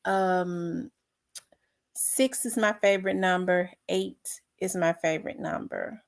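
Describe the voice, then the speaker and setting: A woman's voice: on the low side, fairly even intonation, gravelly. A woman hosting a casual livestream, greeting viewers by name with lots of ums. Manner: unhurried, reads out viewer names with many fillers. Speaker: livestream host.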